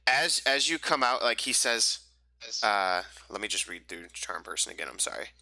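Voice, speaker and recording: A man's voice: on the low side, expressive, normal speed, bright, forceful tone, no echo, rough recording. A young man running a tabletop game over a voice call, casual and rambling, full of fillers and restarts. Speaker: game master.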